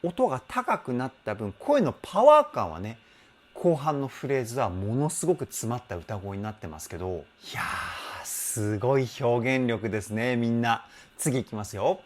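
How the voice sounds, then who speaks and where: A man's voice: mid-range voice, big pitch swings, normal speed, a little hiss or hum. A man working as a vocal coach, reacting to a song and breaking down the singing. He explains with enthusiasm, often exclaims, and adds polite, apologetic asides.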